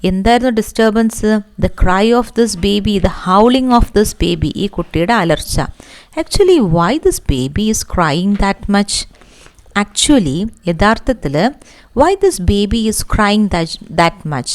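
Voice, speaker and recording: A woman English teacher with a Malayali accent, working through a textbook lesson. She reads the English lines slowly, then explains them in quick Malayalam, asking questions and answering them herself. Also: medium pitch, very animated.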